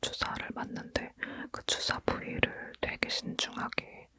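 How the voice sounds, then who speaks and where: Someone leaning in to whisper an intimate, hushed ASMR chat, speaking informally as if to a friend. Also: measured pace, dry recording. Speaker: ASMR host.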